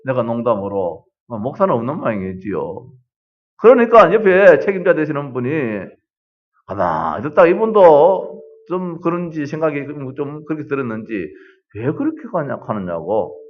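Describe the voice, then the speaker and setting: Middle-aged male pastor, animated sermon delivery, swooping pitch, muffled church recording. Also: normal speed. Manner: animated preaching, rhetorical questions, quoting others heatedly.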